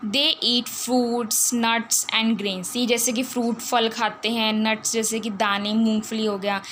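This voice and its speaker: A slightly high, fairly bright-toned woman with an Indian accent teaches science against slight background noise. She reads each English line slowly and explains it in a Hindi-English mix, often questioning herself and repeating words.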